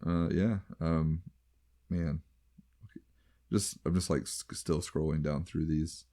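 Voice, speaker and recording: A man with a low voice and a light Southern US accent, chatting casually as a co-host. He rambles and keeps trailing off and starting his sentences again. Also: little pitch movement, takes it slowly, dark tone. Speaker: podcast co-host. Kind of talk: casual chat.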